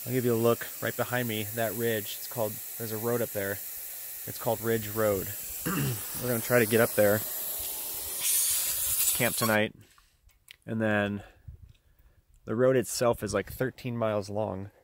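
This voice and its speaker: A man's voice: fairly low pitch, fairly even intonation, unhurried, long pauses, a little hiss or hum. A man casually narrating his outdoor trip to camera on a snowy mountain ridge, in short, matter-of-fact remarks recorded on a handheld phone. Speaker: outdoor vlogger.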